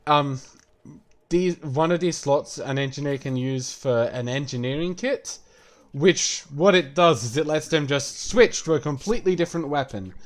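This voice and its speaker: A man's voice: fairly high pitch, moderate pace. A man casually explaining a game while playing it, rambling and swearing as he talks. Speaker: game streamer. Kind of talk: gameplay commentary.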